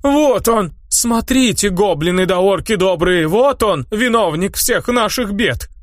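A spiteful old village wise woman, as a male narrator puts her on, all shrill accusations and drawn-out complaints. Her voice rides well above a man's usual pitch, and the recording is dry and close. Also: animated, dry recording. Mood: furious. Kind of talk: audiobook character voice.

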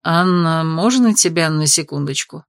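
A woman reading an audiobook voices a cocky male elf healer, speaking low and slowly with a smug tone. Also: expressive, smooth, no room sound, studio quality. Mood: calm. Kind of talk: audiobook character voice.

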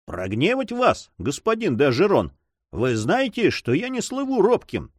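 A man voicing a burly, hot-tempered buccaneer in his forties who talks roughly and impatiently in a storybook reading. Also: sits high, huge pitch swings, normal speed, no room sound, clean studio sound, heavily acted. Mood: hesitant.

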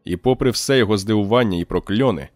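A man narrating an audiobook in a steady, even reading voice. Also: lowish voice, fast talker, dry recording, soft background music. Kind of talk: scripted narration.

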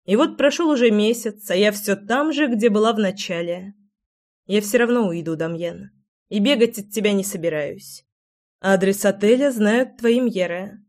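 A woman's voice: mid-range voice, normal speed, darkish tone, close to an everyday voice. Tayrin, a woman doing a cold, cutting seer. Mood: resolute.

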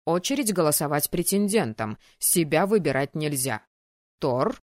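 A woman's voice: deep voice, expressive, normal speed, darkish tone, dry recording, studio quality. A woman reading an audiobook who voices a stern, cold male dean of a magic academy, speaking in a clipped, commanding, formal way. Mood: curt. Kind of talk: audiobook character voice.

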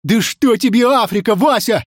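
A storyteller voicing an excitable young fairy-tale prince who jumps up and speaks out loudly. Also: medium pitch, normal speed, no room sound, studio quality, voice pushed up, natural voice. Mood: excited. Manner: excited, loud.

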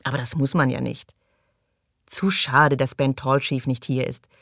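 A woman's voice: very deep voice, fairly even intonation, measured pace, vocal fry, a bit bright, dry recording, clean studio sound, full character voice. A woman reading aloud the inner thoughts of a curious, thrifty man in a storybook, in a musing, matter-of-fact way.

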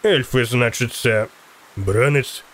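A man's voice: medium pitch, slow pace, a bit bright. A man voicing a menacing armored horseman who speaks in a curt, commanding way.

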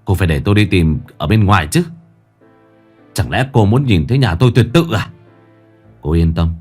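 A man's voice: low voice, darkish tone, husky, exaggerated voice. A man voicing a cold, unfaithful husband who speaks bluntly and firmly.

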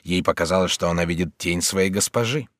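A man narrating an audiobook in an expressive, theatrical reading. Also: sits low, fairly quick, no room sound. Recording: dry studio sound.

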